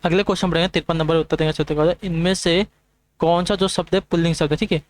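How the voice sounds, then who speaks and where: Teaching an online exam prep class, a young man with a steady, slightly high voice works through quiz questions, with a little hiss or hum in the recording. He checks in with his students fast and over and over.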